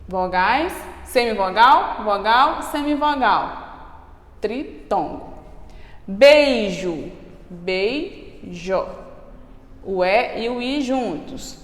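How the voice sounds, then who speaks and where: A Brazilian woman teaching a school grammar lesson, slowly spelling out syllables and checking in with "ok?". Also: on the high side, expressive. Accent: Brazilian Portuguese. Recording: echoey room with long reverb.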